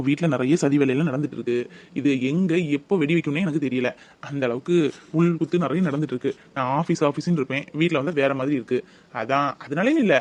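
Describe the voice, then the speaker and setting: A man's voice: medium pitch, lightly acted. A man voicing a devoted young fiancé in a cartoon, coaxing and reassuring. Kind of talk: cartoon voice acting.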